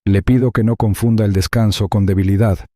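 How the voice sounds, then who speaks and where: A man voicing a composed male executive who speaks in a measured, precise, steady way. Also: fairly low pitch, no room sound, studio quality, natural voice. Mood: calm.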